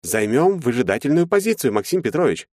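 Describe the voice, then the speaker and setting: A man's voice: medium pitch, big pitch swings, a little fast, a little mellow, dry recording, clean studio sound, pitched above the performer's own voice. A man reading an audiobook, voicing a nervous, evasive middle-aged male lawyer who talks around every question.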